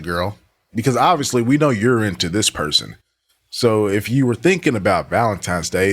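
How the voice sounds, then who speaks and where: A man giving sarcastic, profane commentary on a video clip, often laughing at it. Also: lowish voice. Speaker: reaction commentator.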